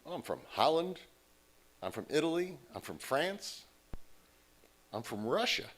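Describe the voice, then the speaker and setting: With a somewhat high, sing-song voice that's a bit bright and a little slow, an American man addresses a church service as a guest. His pulpit talk is informal, full of conversational stories and quoted voices.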